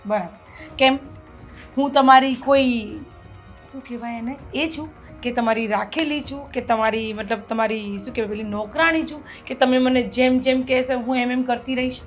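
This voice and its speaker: A young maid defies and taunts her employer in a film drama, as a woman acts her out. Her voice is high. She speaks with pointed, challenging force. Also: fairly even intonation, normal speed, faint music behind, lightly acted. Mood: defiant. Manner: defiant, taunting.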